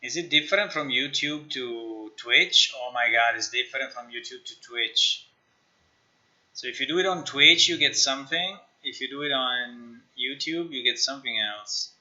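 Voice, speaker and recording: Working indoors at a computer, a man thinks aloud in casual live stream chat, his mid-range voice very bright and forceful at a normal pace. He isn't a native English speaker and tends to mutter, repeat phrases and curse freely. The recording comes across as somewhat dull and lo-fi.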